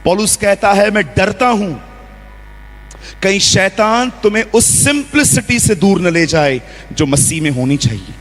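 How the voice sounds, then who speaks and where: A man preaching a lively sermon in a church, acting out quotes and scenes as he goes. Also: sits high, measured pace. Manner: lively preaching with acted-out quotes and role-play. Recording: long hall reverb.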